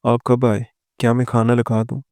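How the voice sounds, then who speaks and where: Man reading as a soft-spoken pleading young wife. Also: medium pitch, completely flat delivery, smooth, no room sound, studio quality, natural voice. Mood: meek.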